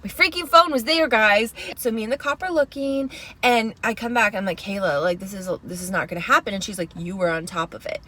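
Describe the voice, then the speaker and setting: A woman co-hosting a podcast in casual chat, telling a story in an animated way and acting out what other people said. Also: medium pitch, fairly quick. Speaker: podcast co-host.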